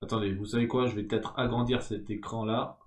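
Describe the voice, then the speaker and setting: A man's voice: fairly low pitch, steady tone, brisk, roomy sound. A young man casually commenting on a game he is playing, rambling and swearing with self-mocking asides, into a desk mic at home. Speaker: gaming YouTuber. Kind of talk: casual let's-play commentary. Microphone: desk mic without headset.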